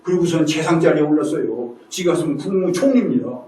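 A man giving a lively storytelling lecture, with frequent questioning asides to his audience. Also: on the high side, fast. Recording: echoey room, distant mic.

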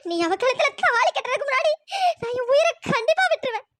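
Someone voicing a sobbing lovesick girl, very high. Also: fast talker, fairly bright tone, dry recording. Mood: despairing. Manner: sobbing, desperate lament. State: crying. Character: heartbroken young woman in love.

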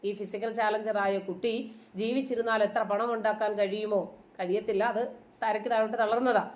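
A woman's voice: medium pitch, fairly even intonation, moderate pace. A woman giving opinionated video commentary in a combative, sarcastic, emphatic way.

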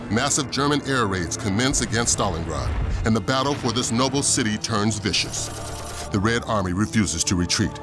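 A man narrating the historical introduction of a war game in a grave, measured, scripted manner. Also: lowish voice, close to an everyday voice. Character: grave male documentary-style war narrator.

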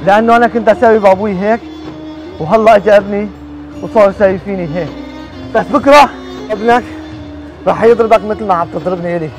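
A man's voice: sits high, fast, pauses often, faint music behind, lightly acted, low-quality recording. A man playing an aging father in a street drama, speaking in an emotional, pleading way. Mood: anguished. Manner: emotional, pleading, rising to shouts. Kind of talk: amateur street drama acting.

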